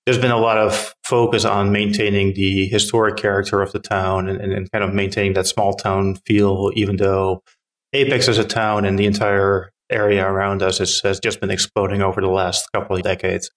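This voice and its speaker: A man's voice: lowish voice, little pitch movement, normal speed. A middle-aged man from the Netherlands, a town council member answering interview questions earnestly with frequent fillers and restarts.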